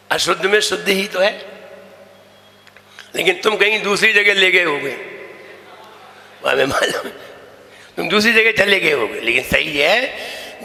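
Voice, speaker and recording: High, bright-voiced monk preaching in an echoing hall. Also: male voice, vocal fry. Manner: repeats phrases, drills correct pronunciation, slow chanting. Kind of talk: sermon with chanted Sanskrit verses. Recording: reverberant hall.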